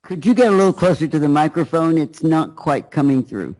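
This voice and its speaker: A woman's voice: deep voice, lively intonation, fairly quick, dark tone, poor audio. A woman chairing a formal meeting in a polite, procedural conference-call manner.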